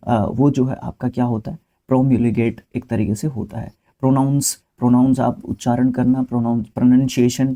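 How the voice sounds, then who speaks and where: A man with an Indian accent walks students through English spelling words, talking to them directly in a relaxed, conversational way. His voice is very dark and mellow, sitting at an ordinary middle pitch, and it is full of easygoing fillers and side remarks. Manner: conversational, with frequent fillers and asides; patient, speaks to students directly. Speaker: English vocabulary teacher. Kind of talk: explaining a spelling lesson.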